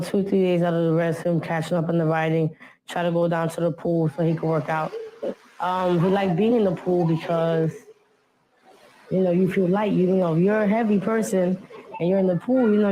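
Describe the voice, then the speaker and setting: A woman recalling her late husband in a documentary interview, speaking softly and reflectively with frequent "you know what I'm saying". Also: fairly low pitch, slight background noise, rough recording. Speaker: interviewee, late rapper's wife.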